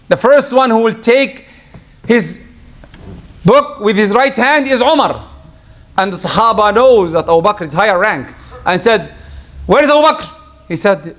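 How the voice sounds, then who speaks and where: A man preaches a Friday sermon with energy and a high voice. Arabic is his first language, and he moves quickly into recitation and prayers in Arabic.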